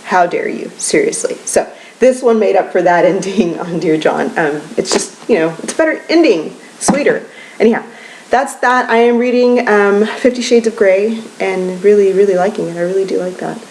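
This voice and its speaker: Her mid-range voice has a darkish tone and a moderate pace, captured on poor audio with a little background noise. The young woman is filming a casual monthly-favorites beauty vlog at home with children nearby. She rambles and gushes enthusiastically, with plenty of ums.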